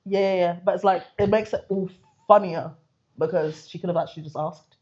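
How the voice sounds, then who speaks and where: A woman's voice: fairly low pitch, fairly even intonation, fairly quick, darkish tone. Brief: woman guest, candid and matter-of-fact, muffled lo-fi sound. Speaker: podcast guest. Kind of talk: casual podcast chat.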